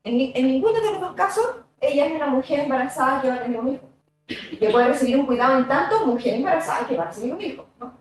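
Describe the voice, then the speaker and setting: A woman's voice: sits high, expressive, fast talker, slight background noise. A woman giving a university lecture, thoughtful and conversational, with many fillers and tag questions. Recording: echoey room, voice from a distance.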